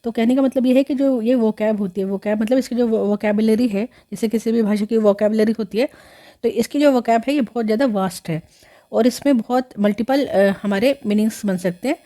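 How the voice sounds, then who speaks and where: Speaking fairly quickly in a fairly high, dark-toned voice, a woman teaches a history lesson as an explaining lecture. She goes step by step, using lots of fillers, correcting herself, and mixing in English words.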